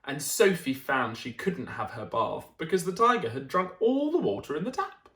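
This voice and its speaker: A man's voice: a little high, very animated, moderate pace, sharp tone, reverberant. A man reading a children's picture book aloud as a storyteller, with dramatic emphasis and friendly asides to his listeners.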